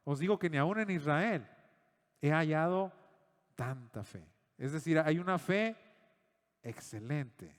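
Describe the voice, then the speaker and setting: A man preaching a sermon in a church hall, his high voice trailing off into long reverb. He retells gospel scenes and acts out the voices in them. He turns to the congregation with rhetorical questions. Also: animated, slow, pauses often. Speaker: pastor.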